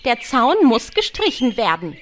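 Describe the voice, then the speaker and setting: A no-nonsense, exasperated old aunt in an audio drama. The voice is high and very animated, full of firm scolding. There is clear ambient noise behind it. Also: female voice, unhurried. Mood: firm, wry. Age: older.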